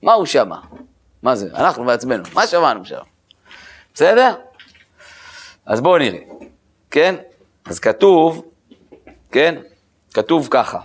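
A man's voice: medium pitch, big pitch swings, pauses often. A man, a rabbi, giving a spoken Torah lesson to a group, talking conversationally, asking rhetorical questions and checking in with his listeners. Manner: conversational, uses casual fillers. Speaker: rabbi teaching a class.

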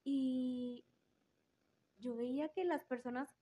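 A woman's voice: sits high, fairly even intonation, takes it slowly, dark tone, low-quality recording. A woman with a Mexican Spanish accent telling a personal story in an interview, candid and casual, swearing freely and repeating words for emphasis. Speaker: interview guest.

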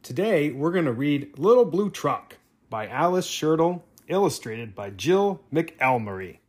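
A slow, unhurried reader telling a children's picture book aloud, gentle and expressive. The voice is a little husky, and its pitch rises and falls in a lively way.

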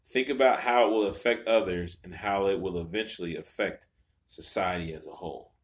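A man's voice: deep voice, fairly quick. A man co-hosting a casual chat from a home garage, telling stories with emphatic asides. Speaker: podcast co-host.

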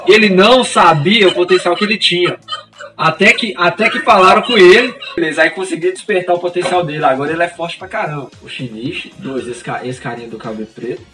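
A man's voice: high-pitched, fast, far from the mic. A man in casual podcast chat among friends, talking with animation and laughing often. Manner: animated, laughs often, lists favourite characters. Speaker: podcast co-host.

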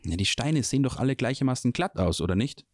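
A man's voice: medium pitch, lively intonation, fast talker, darkish tone, dry recording, clean studio sound, pitched above the performer's own voice, close to an everyday voice. A man voicing a young male apprentice mage, anxious and puzzled, in a raised and searching tone for a fantasy audiobook.

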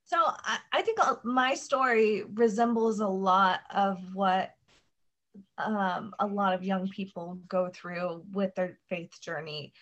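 Speaking slowly in a medium-pitched, slightly bright voice, this young woman from the U.S. talks about her faith as a podcast guest. It's a casual, chatty conversation scattered with "um" and "like."

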